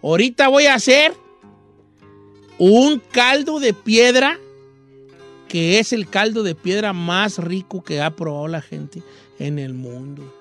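A man's voice: fairly high pitch, fairly even intonation, a little slow, faint music behind. Man doing a sly trickster vagabond. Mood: sly wheedling. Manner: loud pleading calls, sly wheedling. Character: crafty male vagabond trickster, hungry and scheming.

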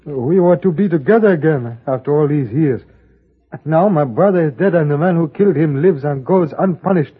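An actor playing a humble young male servant in an old radio drama, speaking deferentially in halting broken English. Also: fairly high pitch, lively intonation, husky, exaggerated voice. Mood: earnest. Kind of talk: 1950s radio drama acting. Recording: tinny old radio broadcast.

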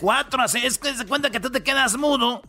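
A man's voice: very high-pitched, quick pace, sharp tone. A man with a Mexican accent hosting a comedic news countdown, joking in slangy banter. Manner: joking, slangy banter, drops "güey" often. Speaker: radio show host.

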